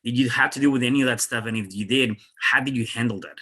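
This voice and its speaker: A man's voice: medium pitch, quick pace, bright, forceful tone, slightly rough. A man hosting an interview podcast, asking questions with many fillers and restarts. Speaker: podcast host.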